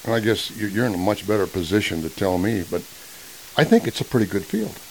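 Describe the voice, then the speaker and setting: Wry, lower-voiced man hosting. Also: animated, fairly quick, slight background noise, rough recording. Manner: wry, joking. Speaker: interview host. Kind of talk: casual interview.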